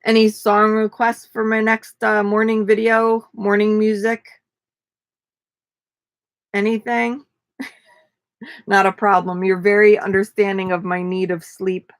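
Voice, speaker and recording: A woman's voice: medium pitch, level tone, slow pace, pauses often, dry recording. A tired young woman chatting casually to viewers on a live stream, rambling with many fillers. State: tired, yawning.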